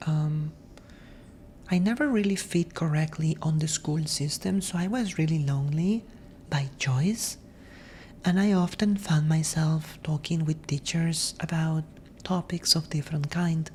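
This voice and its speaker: A woman gives a gentle ASMR monologue in a mellow, slightly low voice. She speaks very slowly and reflectively, breathy and often slipping into a whisper. A faint low rumble sits behind her. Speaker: ASMR host.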